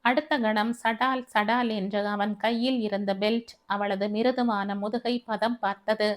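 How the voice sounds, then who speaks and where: A woman's voice: mid-range voice, fairly even intonation, unhurried. A woman reading a family novel aloud as an audiobook narrator, telling it dramatically. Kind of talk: scripted story narration.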